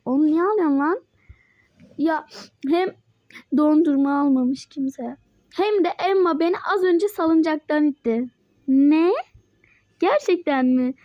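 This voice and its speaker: A young girl playing Toca Life speaks as the character Mike in a mobile game, her high voice chatty and playful as the role-play banter bounces quickly back and forth. The lo-fi recording has no room sound.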